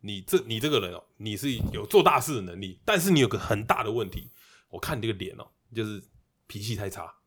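A man quoting a soft-spoken, coaxing fortune teller. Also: fairly low pitch, lively intonation, fast talker, slightly rough, pitched below the performer's own voice. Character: smooth-talking male street fortune teller.

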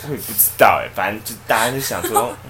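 Man, casual storytelling, fast talker, soft background hiss. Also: lowish voice. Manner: animated, acts out the people in his story. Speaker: podcast co-host.

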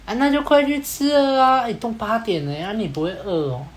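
A man voicing a pushy, fake-friendly young wannabe thug, with a slow drawl and a Taiwanese Mandarin accent. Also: high-pitched, animated, a little hiss or hum, pitched above the performer's own voice. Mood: swaggering.

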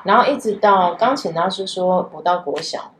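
A woman's voice: fairly low pitch, normal speed, fairly bright tone, a little hiss or hum. A woman who hosts a podcast, talking in a thoughtful, reflective way in a casual chat. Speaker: podcast host. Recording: echoey room.

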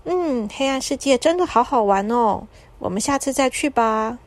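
A woman's voice: a little high, animated, moderate pace, close to an everyday voice. A woman voicing a sweet, curious little girl in a bedtime story, with a childlike sing-song manner.

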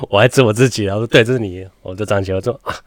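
A man's voice: lowish voice, very fast. A man with a Taiwanese Mandarin accent telling a childhood story on a casual podcast, swearing casually and laughing often. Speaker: podcast host.

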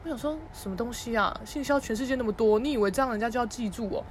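Animated young woman with a Taiwanese accent. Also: fairly high pitch, rapid-fire, slight background noise. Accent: Taiwanese Mandarin. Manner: animated, acts out family members' voices, laughs often. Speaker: podcast host. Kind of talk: casual storytelling monologue.

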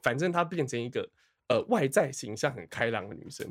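A man in his thirties with a Taiwanese Mandarin accent, chatting on a podcast, telling a story with animated, laughing delivery. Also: fairly quick, noisy background. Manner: animated storytelling, acts out quotes in a high squeaky voice, laughs often. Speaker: podcast co-host. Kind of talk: casual chat.

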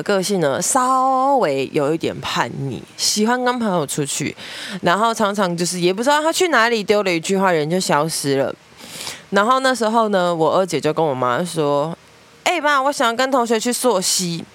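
A young woman with a Taiwanese Mandarin accent, hosting a podcast and telling family stories in a lively way, acting out relatives' voices. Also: on the low side. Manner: lively storyteller, mimics family members, laughs often. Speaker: podcast host. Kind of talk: storytelling monologue.

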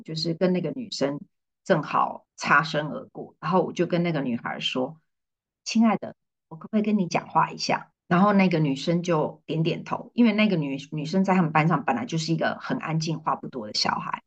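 A middle-aged woman, a guest coach telling a story from her teaching days in a lively way. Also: sits low, fairly quick, lo-fi sound. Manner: lively storyteller who acts out quoted dialogue. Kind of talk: storytelling in a podcast interview.

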